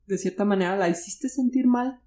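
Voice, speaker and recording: A woman's voice: mid-range voice, fairly quick, warm tone. A woman with a Mexican accent hosting a conversation and asking attentive, reflective questions. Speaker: host, interviewer. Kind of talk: podcast interview.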